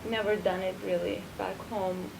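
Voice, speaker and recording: Woman, dancer, interview answers, creaky voice, noisy background. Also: medium pitch, level tone, moderate pace. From Turkey. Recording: noisy recording.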